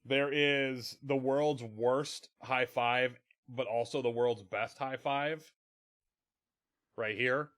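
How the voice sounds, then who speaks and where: A man hosting a casual stream, talking excitedly about a film, rambling and swearing freely. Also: mid-range voice, slow. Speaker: webshow host and streamer.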